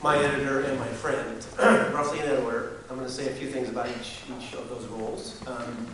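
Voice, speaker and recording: A man giving a wry, halting memorial speech full of anecdotes, often pausing to clear his throat. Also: mid-range voice, steady tone, fairly bright tone. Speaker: eulogy speaker, science reporter. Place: community hall memorial gathering. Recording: echoey hall, distant mic, hiss.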